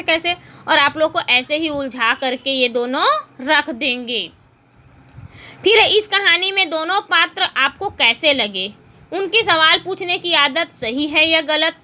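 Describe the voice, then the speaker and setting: A woman teaching a Hindi class to children, patiently asking questions and answering them herself, repeating words slowly. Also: high voice, bright, forceful tone. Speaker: school teacher.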